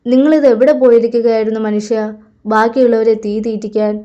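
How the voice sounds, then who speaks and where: Worried mom in a story, woman reading, smooth voice, a bit muffled. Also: a little high, fairly even intonation, fairly quick, mellow, lightly acted. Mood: anxious. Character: worried, anxious mother and wife. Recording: slightly dull lo-fi audio.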